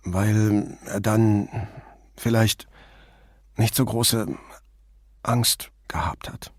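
A man's voice: lowish voice, fairly even intonation, extremely slow, dry recording, clean studio sound. A man voicing a barman who speaks in a subdued, worn way, sometimes almost whispering. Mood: sorrowful. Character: sorrowful male barman, Ruggiero.

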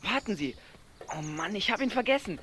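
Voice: mid-range voice, big pitch swings, fairly quick, crowd noise, lightly acted. An actor voicing a chatty, boastful teenage boy in a radio play. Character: chubby cheeky teenage boy, food-loving.

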